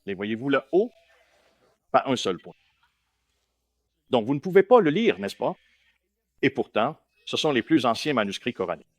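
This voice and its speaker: Male lecturer, animated pitch, keeps asking the room if they follow. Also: moderate pace, long pauses, no echo. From India. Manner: keeps checking in with listeners, questioning and emphatic. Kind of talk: lecture to a live audience.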